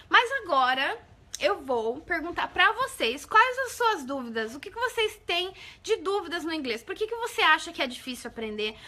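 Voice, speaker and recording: Brazilian woman, live-stream host, high and crisp-bright, chatty and informal, checks in with viewers constantly. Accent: Brazilian Portuguese. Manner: chatty, greets viewers by name, keeps asking "entendeu?". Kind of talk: casual live-stream chat.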